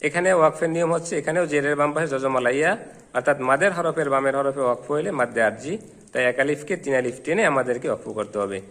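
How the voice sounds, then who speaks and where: A Bengali-speaking man teaching Quran reading, spelling out letters and vowel marks, then slowly chanting whole verses. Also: mid-range voice, a bit bright. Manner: chants verses in a slow melodic recitation. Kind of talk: slow spelled-out recitation lesson.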